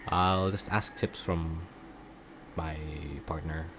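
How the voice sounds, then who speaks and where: A man chatting casually in a video diary about his voice acting classes, rambling and halting, often poking fun at himself. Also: sits low, fairly even intonation, background noise. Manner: self-deprecating. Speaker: voice acting student vlogger.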